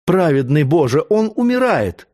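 A man's voice: on the high side, unhurried, darkish tone, natural voice. A man voicing a passionate, commanding young noblewoman in an audiobook, crying out in a raised voice. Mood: frantic.

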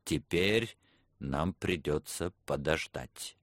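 A man reading the lines of an old, wise male professor who speaks in a measured, deliberate and cryptic way. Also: very deep voice, fairly bright tone, no room sound, clean studio sound, exaggerated voice. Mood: calm, cryptic.

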